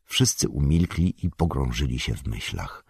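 A man narrating an audiobook in a steady, even reading voice. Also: rumbling low, normal speed, vocal fry, slightly rough, dry recording. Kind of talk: scripted narration.

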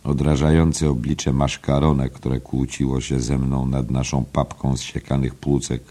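A man reading a literary novel aloud as narrator, in a measured, even manner. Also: rumbling low. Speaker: audiobook narrator.

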